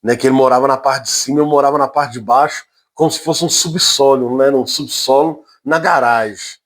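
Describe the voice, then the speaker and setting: A man with a Brazilian accent casually recounting a strange personal experience, halting and repeating his words, with frequent emphatic asides. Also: mid-range voice, steady tone. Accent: Brazilian Portuguese. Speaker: storyteller.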